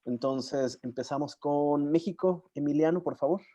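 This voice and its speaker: A man's voice: on the high side, normal speed, mellow. A man moderating an online learning session over a video call, courteous and a little hesitant as he introduces people.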